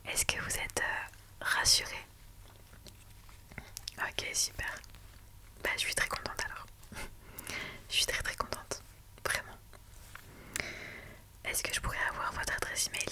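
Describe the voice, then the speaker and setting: A woman whispering softly and slowly in an ASMR roleplay as a reassuring lawyer, with many calm "ok"s. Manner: soft, slow and soothing, with many "ok" and "d'accord". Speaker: lawyer in a client meeting roleplay.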